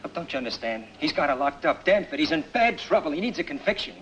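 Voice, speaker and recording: A cornered crook with a high, jumpy voice that swings all over. He talks fast and sneering, his tone bright and sharp, and the old film sound is dull. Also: sing-song, a little hiss or hum. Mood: panicky. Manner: agitated, sneering, loud protests. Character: defiant cornered male crook, jumpy and mouthy. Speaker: suspect. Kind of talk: 1950s film acting. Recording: dull lo-fi 1950s film audio.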